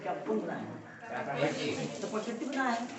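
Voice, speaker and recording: Lady teacher lecturing, keeps asking the kids quick questions, far off mic, echoey room. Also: mid-range voice, very animated, a loud crowd. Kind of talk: classroom lecture. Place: echoey classroom. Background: students in the class.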